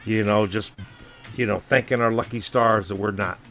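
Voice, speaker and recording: A man's voice: on the low side, steady tone, normal speed, fairly bright tone. An American man musing in a loose, rambling commentary, full of "you know" fillers. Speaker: vlogger. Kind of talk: casual spoken commentary. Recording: faint background music under voice. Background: faint background music.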